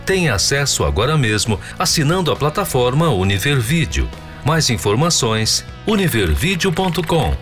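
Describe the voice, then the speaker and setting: A man reading a scripted promo voice-over in a smooth, persuasive announcer style. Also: medium pitch, sing-song, moderate pace, a bit bright. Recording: voice-over with music bed.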